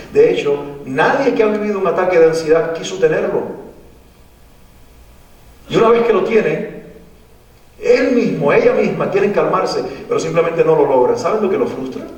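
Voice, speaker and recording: A man's voice: medium pitch, darkish tone. A man gives a public lecture to parents in a school theater. He speaks earnestly and repeats phrases for emphasis. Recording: echoey hall, voice from far off.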